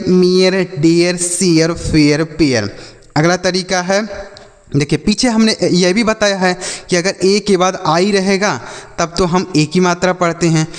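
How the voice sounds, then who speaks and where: Man, high voice, phonics teacher for kids, slow spelling drills, repeats questions, long reverb. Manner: slow, repeats words and asks the class back. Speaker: English teacher. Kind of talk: phonics lesson for children.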